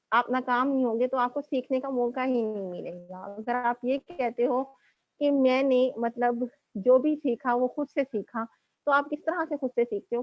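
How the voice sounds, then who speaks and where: A woman motivational speaker with a slightly high voice lectures young women conversationally, often checking in with "okay" ("ٹھیک ہے") and mixing in English words. The recording has no echo and a lo-fi sound.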